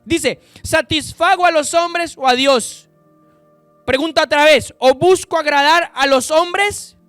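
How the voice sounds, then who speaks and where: A man preaching a sermon, reading Bible verses slowly and with emphasis, and addressing the listeners directly. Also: a bit bright, no room sound, faint music behind. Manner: slow, emphatic scripture reading with sudden pitch rises and drops.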